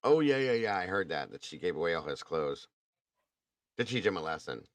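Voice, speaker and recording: A man's voice: low voice, very animated, fairly quick, no echo. A man hosting a casual true crime talk, blunt and indignant, swearing now and then. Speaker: true crime podcast host. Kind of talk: casual chat.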